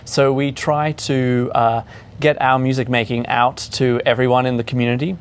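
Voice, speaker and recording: A man's voice: mid-range voice, little pitch movement, moderate pace, clean tone. A man from Australia with a mixed Australian accent, a guest in a studio interview, talking easily with frequent fillers. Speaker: orchestra chief executive, guest.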